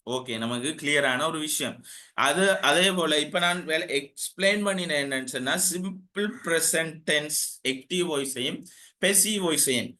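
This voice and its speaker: A male English teacher, explaining grammar and slowly dictating example sentences. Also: fairly high pitch, pushed and bright. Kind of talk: classroom grammar lesson.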